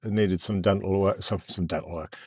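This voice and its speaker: With his phone in a windscreen holder, a middle-aged British YouTube vlogger talks candidly to camera from inside his car. His deep voice is a little mellow with a breathy edge, fairly even in intonation and at a normal speed, recorded with clean studio sound and no echo. His mouth is numb from dental anesthetic, so his slightly rambling speech sounds a bit off.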